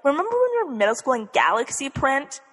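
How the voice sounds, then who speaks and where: A woman's voice: high-pitched, very animated, quick pace, a bit bright. Bubbly young sorority-girl voice, reverberant recording. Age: young adult. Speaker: podcast co-host. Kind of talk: casual chat. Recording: echoey hall-like reverb.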